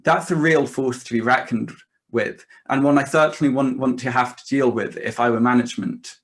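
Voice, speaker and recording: A man's voice: mid-range voice, fairly even intonation, normal speed. A young man delivering a prepared political rally speech as a student activist, in earnest, declarative, emphatic phrases. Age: young adult.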